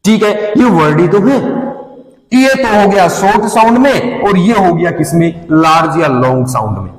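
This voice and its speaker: A man's voice: sits high, lively intonation, normal speed. A man teaching an English lesson, drilling each term by asking a question and then answering it himself. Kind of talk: classroom lesson, call-and-response drilling. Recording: echoey hall with long reverb.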